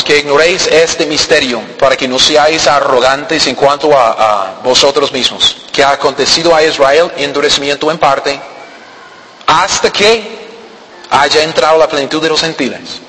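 A man preaching a sermon, animated, asking the congregation rhetorical questions and answering them himself. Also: on the high side. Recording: reverberant hall, faint background noise.

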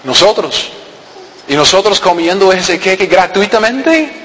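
A man preaching a sermon, animated, asking the congregation rhetorical questions and answering them himself. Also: high-pitched, a little slow. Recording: reverberant hall, faint background noise.

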